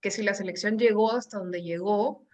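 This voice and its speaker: A woman's voice: medium pitch, normal speed, darkish tone. A woman hosting a conversational interview, talking in an engaged, thoughtful way with some fillers. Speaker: interview host.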